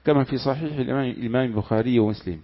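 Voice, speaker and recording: A man's voice: mid-range voice, racing. A man reading a classical religious commentary aloud to his teacher, answering with short amens between passages. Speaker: student reading the text aloud. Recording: dull lo-fi recording.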